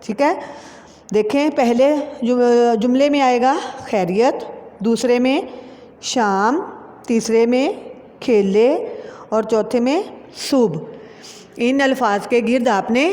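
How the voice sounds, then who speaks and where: Slow, patient woman teacher, echoey room. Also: fairly high pitch, dark tone. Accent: Pakistani Urdu. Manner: slow, patient spelling out letter by letter. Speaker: school teacher. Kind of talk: online Urdu lesson for children.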